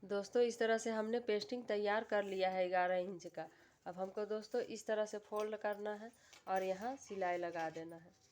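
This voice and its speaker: A woman giving a calm, step-by-step sewing tutorial, repeating her instructions patiently. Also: medium pitch, normal speed. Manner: calm, repetitive instructional voice-over.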